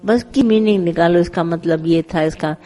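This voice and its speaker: A woman speaking as a spiritual teacher at a satsang, her voice mellow and warm. She talks in a conversational, instructive manner, slipping into little parables with voiced dialogue. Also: lowish voice, moderate pace, faint music behind. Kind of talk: satsang sermon.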